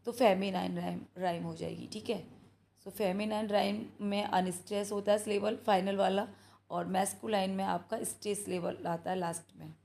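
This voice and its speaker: A woman tutoring for an English exam, reading out questions slowly and explaining each answer in a mix of Hindi and English, often checking in with "thik hai". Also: medium pitch, vocal fry. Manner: slow, steady explaining, mixing Hindi and English, reads questions aloud. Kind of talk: exam practice lesson.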